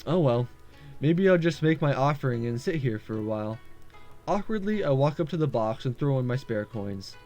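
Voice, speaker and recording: Over the game's background music, a man hosting a gaming video reads through a visual novel with a warm, animated, medium-pitched voice at normal speed, making offhand remarks and occasionally tripping on words. The audio sounds dull.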